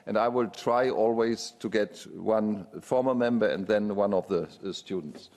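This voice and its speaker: A man's voice: lowish voice, darkish tone. Man chairing a debate in a hall. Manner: slow, halting. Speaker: session chair. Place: conference hall. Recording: long reverb of a hall.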